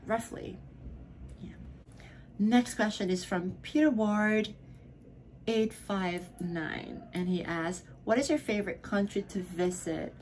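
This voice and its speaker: In this casual home vlog, a young Filipino woman, a Tagalog speaker, is drunk in her bedroom, slurring, giggling and whispering as she takes questions from viewers. She has a darkish, medium-pitched voice, and there is slight background noise.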